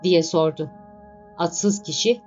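A woman reading a classic novel aloud as an audiobook narrator, in a steady storytelling manner. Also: lowish voice, takes it slowly. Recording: dull lo-fi recording with faint music.

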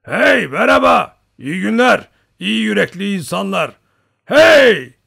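A man voicing a huge, bearded old male Cossack hunter who shouts in a loud, hearty voice. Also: sits high, big pitch swings, moderate pace, creaky, breathy edge, pitched above the performer's own voice, heavily acted. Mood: hearty shouting.

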